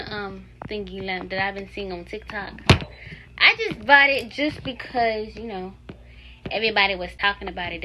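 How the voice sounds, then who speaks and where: A young woman chatting casually in a home vlog, relaxed and rambling with fillers, filmed on a phone held at arm's length. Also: medium pitch, noisy background. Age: young adult. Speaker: vlogger. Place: home, kitchen and bedroom indoors.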